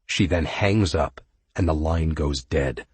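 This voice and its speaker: A man narrating a first-person romance audiobook in a measured storytelling way, on a close microphone. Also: a bass voice, a little mellow, husky, no room sound.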